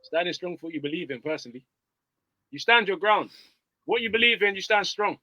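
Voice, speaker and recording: A man's voice: high-pitched, lively intonation, brisk, bright, forceful tone, dry recording, low-quality recording. A young man, a music group member joking and teasing in casual interview banter. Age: young adult. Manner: jokey, teasing, boastful.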